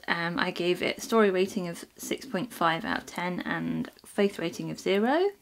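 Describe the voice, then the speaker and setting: A woman talking casually about books she has read, with frequent ums and restarts. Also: on the low side. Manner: chatty, many ums and restarts. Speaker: book reviewer. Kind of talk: casual book review vlog.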